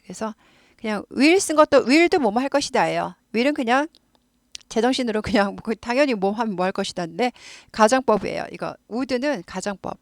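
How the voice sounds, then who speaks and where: A woman from South Korea, talking through an English lesson in a chatty way and repeating words slowly to model pronunciation. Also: medium pitch, no echo. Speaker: English teacher. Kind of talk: casual explanatory lesson.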